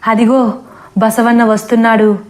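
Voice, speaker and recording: A woman's voice: a little high, level tone, moderate pace, darkish tone, close to an everyday voice. A woman voicing a steadfast devout male ascetic. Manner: chanting, earnest and prayerful.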